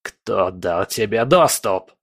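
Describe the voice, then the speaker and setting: A man's voice: on the low side, fairly even intonation, slow pace, sharp tone, no room sound, studio quality, full character voice. A man voicing an old male villain, a shadow sorcerer who snarls and hisses his lines. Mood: horrified. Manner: hissing, snarling.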